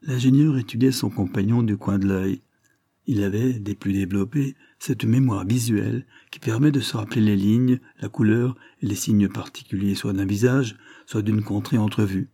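A man reading a storybook aloud in a steady, even narration. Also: lowish voice, normal speed, husky, dry recording, clean studio sound. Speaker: audiobook reader.

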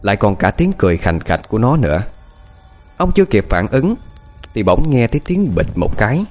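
A man narrating a ghost-story audiobook with expressive, dramatic delivery. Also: on the low side, a little fast, faint music behind.

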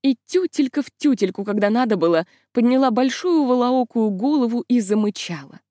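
A woman reading a literary novel aloud in a measured, expressive narration. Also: on the high side, no room sound, studio quality. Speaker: audiobook narrator.

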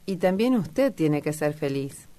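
A lovestruck young girl, giddy and eager, her voice lifting a little as she exclaims in a low, tinged tone, as a woman reads her aloud in a storybook. Her lines tumble out in breathless, earnest bursts. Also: animated, measured pace, mellow. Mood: joyful. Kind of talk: audiobook character reading.

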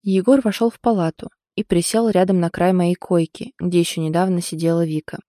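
A woman reads a first-person novel aloud, steady and expressive. Her voice is mellow and warm. The sound is dry and close, with no room around it. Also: lowish voice, fairly quick, dry recording. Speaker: audiobook narrator.

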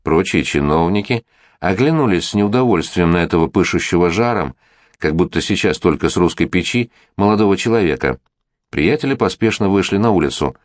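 A man's voice: low voice, expressive, a little fast, no echo, clean studio sound. A man narrating a literary story aloud, with an ironic manner that addresses the reader directly.

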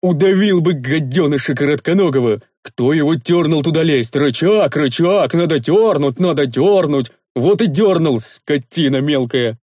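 A hulking, grumbling warrior, as a male audiobook reader plays him. He complains plaintively to his master in a raised, loud voice that stays mellow. The sound is dry and close. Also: a little high, animated, normal speed, hardly any pauses, no echo. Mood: angry. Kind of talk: audiobook character voice.

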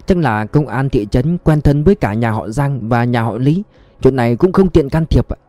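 A man's voice: medium pitch, lively intonation, moderate pace, dark tone, no echo, close to an everyday voice. A man doing a polite, cautious young police officer. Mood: deferential. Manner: polite, subdued. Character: young male police subordinate, deferential and cautious.

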